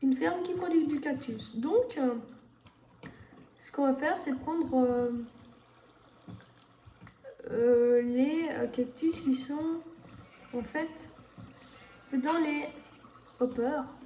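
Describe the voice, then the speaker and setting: A woman's voice: high-pitched, extremely slow, long pauses, warm tone. A woman giving casual gameplay commentary, thinking aloud with many fillers and talking to her viewers. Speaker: gamer streamer. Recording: echoey room with faint noise.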